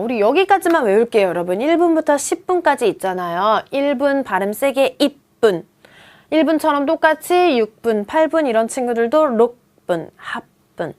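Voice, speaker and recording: A woman's voice: high-pitched, animated, brisk, hardly any pauses, a little mellow. A woman in her thirties teaching a beginner Japanese lesson, coaxing students along with quiz questions. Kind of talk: video lesson.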